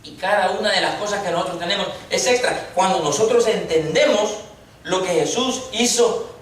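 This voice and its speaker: A man preaches to his congregation, often asking them questions. His voice sits fairly high for a man. He is heard from some distance in a very echoey church with faint room ambience. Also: moderate pace, slight background noise. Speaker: pastor. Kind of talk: sermon.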